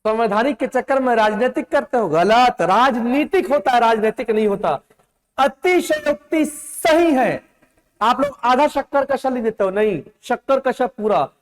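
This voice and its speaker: A man's voice: very high-pitched, big-room sound, rough recording. A male teacher giving an exam-prep lecture, drilling spellings and checking that students follow along. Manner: drills spellings, calls students beta, repeats "clear hai?".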